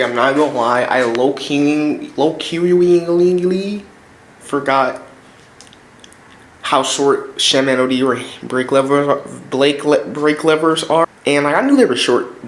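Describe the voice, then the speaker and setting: Rambling young man in an echoey room. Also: medium pitch. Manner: rambling, slangy, loose. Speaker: vlogger. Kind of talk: casual talk while working on a bike. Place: indoor room downstairs.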